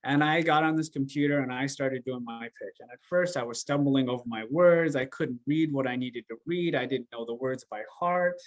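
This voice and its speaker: A man, a coach and podcast guest, telling a story in an animated, emphatic way and acting out what people said. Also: medium pitch, moderate pace, few pauses, highs cut off. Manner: animated, emphatic storyteller who acts out quotes. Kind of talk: conversational storytelling. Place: podcast interview.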